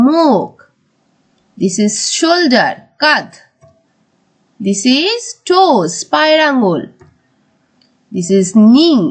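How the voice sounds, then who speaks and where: Slow, high-voiced woman teacher. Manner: slow, drawn-out word-by-word teaching; mixes English words with Bengali explanations. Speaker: primary school English teacher. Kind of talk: recorded classroom lesson.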